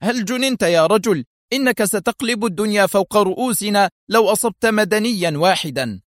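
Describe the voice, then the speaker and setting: A man voicing a firm, sharp-spoken male helicopter pilot talking over the radio. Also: sits high, animated, fairly quick, no room sound, clean studio sound, pitched above the performer's own voice. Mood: stern. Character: stern adult male helicopter pilot urging restraint.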